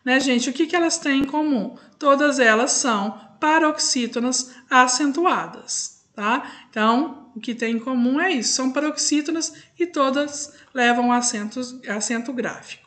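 Patient high-voiced Brazilian teacher. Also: female voice, normal speed, few pauses, a bit bright. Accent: Brazilian Portuguese. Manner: patient, explains step by step, stretches out words when spelling them. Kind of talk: recorded classroom lesson.

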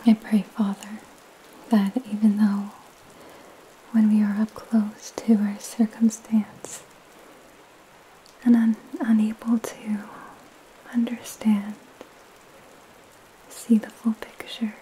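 A young woman giving a soothing, soft, breathy ASMR whisper, gentle and calming, with pauses between phrases. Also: medium pitch, a little hiss or hum, low-quality recording. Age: young adult. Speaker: ASMR host reading scripture and praying. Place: small indoor room at home. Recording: steady rain sound behind the voice. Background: rain.

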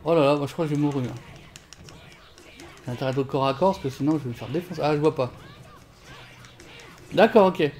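A man's voice: on the high side, brisk, long pauses, faint music behind. Man swearing at a fighting game. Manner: swears and shouts at the game, chats with viewers. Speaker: streamer. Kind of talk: live gameplay commentary. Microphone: desk microphone.

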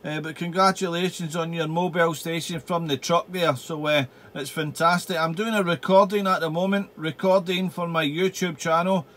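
High-pitched man chatting as a radio operator. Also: fairly even intonation, moderate pace, hardly any pauses, a bit bright. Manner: repeats himself, spells out in phonetic alphabet. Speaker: amateur radio operator, channel host. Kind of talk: amateur radio contact, casual chat. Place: small home radio room.

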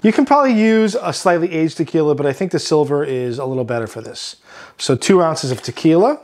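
A chef with a Long Island accent hosting a cooking demonstration, relaxed, often ending points with "right?". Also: male voice, a little high, a little fast. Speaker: chef and host.

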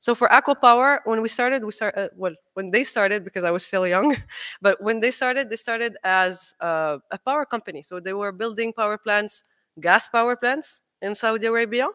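Standing at the podium of a large auditorium, a young adult engineer from Morocco makes an earnest, persuasive case at a conference, speaking into a podium microphone at normal speed. The mid-range voice is bright and forceful, punctuated by frequent ums and uhs.

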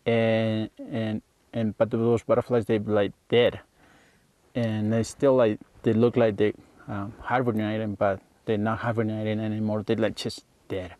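A man speaks in a low register with a soft, mellow tone, pausing often as he hunts for the right words. The sound is dry and close with no room around him. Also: flat delivery, dry recording. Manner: halting, searching for words. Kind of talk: on-location interview.

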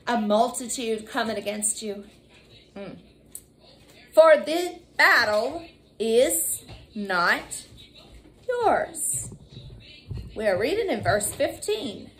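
A woman preaching a fervent sermon, crying out hallelujah and woo, calling listeners y'all and drawing scripture lines out slowly. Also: mid-range voice, fairly bright tone. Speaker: evangelist preacher.

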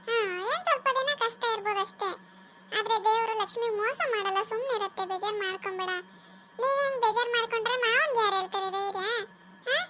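A very high, shrill cartoon voice of a kind young niece, played by a woman. She soothes and reassures gently. It is a cartoon family drama. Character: kind young woman comforting her aunt.

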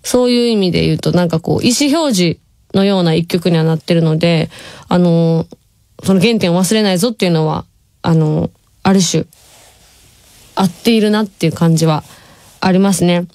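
Her voice is on the low side and a little mellow, moving at a moderate pace with frequent pauses. She's a twentysomething radio host from Nishinomiya, Hyogo, Japan, with a Kansai accent, casually chatting and reading listener messages while often laughing and drawling some words. The recording is dry and clean, made in a radio studio.

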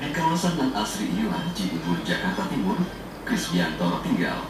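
Deep male voice-over for a TV profile, lively pitch, echoey far-off sound over loud music. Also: normal speed. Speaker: documentary narrator. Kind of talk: scripted TV narration.

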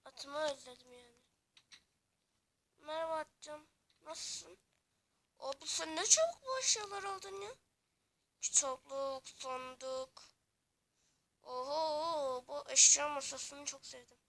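High, bright-voiced woman playing Minecraft roles. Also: slow, pauses often, a little hiss or hum. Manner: chatty, dramatic, switches between characters. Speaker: game story narrator. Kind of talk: playful Minecraft role-play, voicing several characters.

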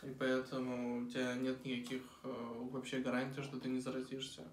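A man's voice: mid-range voice, monotone, brisk. A young man chatting casually for a mukbang vlog, talking while he eats at a table. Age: young adult. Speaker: vlogger. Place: small room at a dining table. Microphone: camera across the table. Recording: roomy, distant mic, clinking cutlery noise.

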